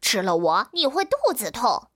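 A woman's voice: mid-range voice, big pitch swings, moderate pace, dry recording, studio quality. A woman voicing a timid, fretful young male chameleon who stammers and sighs in a storybook reading. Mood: bluffing. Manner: stammering, sighing. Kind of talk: storybook character voice.

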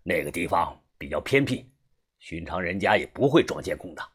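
Dude putting on a low smug fixer voice, slick, a bit husky, audiobook. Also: male voice, very animated, moderate pace, fairly bright tone, exaggerated voice. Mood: sly. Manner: smooth, chuckling, knowing. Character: sly middle-aged male fixer, smug, cold. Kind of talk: audiobook character voice.

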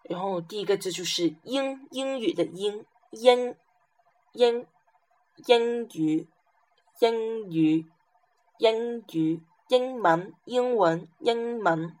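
A woman's voice: fairly high pitch, slow pace, darkish tone. A woman teaching a pronunciation lesson, repeating each syllable and example word several times. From southern China. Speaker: language teacher.

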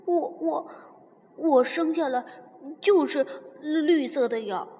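A woman's voice: sits high, slow, dark tone, slight background noise. A woman voicing a timid young male wolf who stammers, in a children's story, with long reverb.

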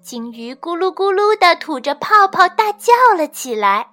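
A woman reading a children's storybook aloud, expressive and measured. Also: very high-pitched. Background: faint children's music.

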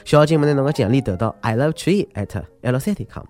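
A man's voice: mid-range voice, animated, fast, over loud music. A man with a Shanghainese accent hosting a scripted humorous news show, joking and exclaiming like a theatrical storyteller. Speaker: host of a comedic news podcast.

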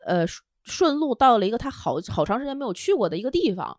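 Lively young woman with lilt. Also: fairly high pitch, quick pace, no room sound, clean studio sound. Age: young adult. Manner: emotional, animated retelling with quoted dialogue. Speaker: podcast host. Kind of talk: casual storytelling chat.

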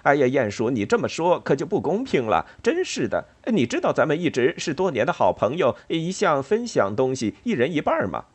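A man voicing an excitable young male field mouse, breathless and hurried in a storybook reading. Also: slightly rough, heavily acted. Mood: hurt. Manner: high, squeaky and hurried.

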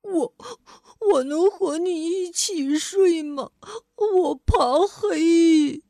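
Give me a woman putting on a frightened green monster, high and halting, slow and close-miked. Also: lively intonation, a little mellow, no echo, full character voice. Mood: frightened pleading. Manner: stammering, hesitant with many filler sounds. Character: timid stuttering big one-eyed green monster, male.

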